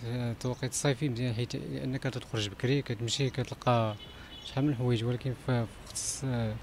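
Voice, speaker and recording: Rapid, hesitant Moroccan man. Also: mid-range voice, fairly even intonation, darkish tone. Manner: hesitant, with fillers. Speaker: passerby interviewee. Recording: faint street noise.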